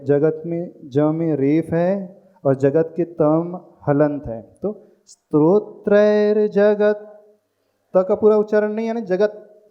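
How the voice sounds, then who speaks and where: Slow, patient man teaching verse pronunciation. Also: on the high side, smooth, highs cut off. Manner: patient, drills pronunciation syllable by syllable. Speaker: Jain monk teaching scripture recitation. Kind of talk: slow recitation lesson with chanted verses.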